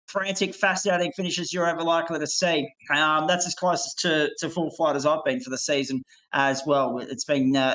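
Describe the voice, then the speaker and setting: A man's voice: fairly high pitch, a bit bright, rough recording. A man calling a sim race live, enthusiastic and florid, handing over to his co-commentators.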